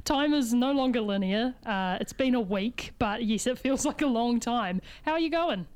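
A woman from New Zealand hosting a radio chat, friendly and quick to laugh as she prompts her guest with questions. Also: on the high side, expressive, a little mellow, clear, resonant tone. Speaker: radio host. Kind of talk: casual radio interview.

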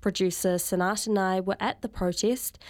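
A woman's voice: mid-range voice, fairly even intonation, normal speed, no echo, clean studio sound. New woman reading a news report. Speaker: radio reporter.

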